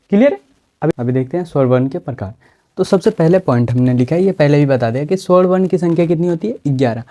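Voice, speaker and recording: A woman's voice: sits low, warm tone. A woman teaching a grammar lesson, explaining step by step and asking questions she then answers herself.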